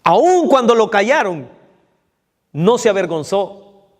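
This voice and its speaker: A man with a high voice preaches an evening sermon in a church hall, the long reverb trailing after his words. He talks slowly and deliberately, turning to the congregation with direct questions and repeating key phrases for emphasis. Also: sing-song.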